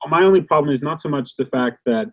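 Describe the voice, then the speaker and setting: A man in a casual online debate whose call audio keeps glitching and cutting out, and who talks haltingly and restarts his phrases. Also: a little high. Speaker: call participant. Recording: dull, lo-fi call audio with dropouts.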